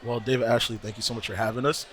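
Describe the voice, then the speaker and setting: A man interviewed as a guest musician, telling his story in an animated, laughing way. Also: medium pitch, racing. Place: conference.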